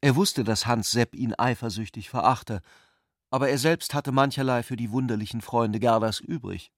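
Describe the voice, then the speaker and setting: A man narrating a radio drama in an even, composed storytelling manner. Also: mid-range voice, moderate pace, no echo, studio quality.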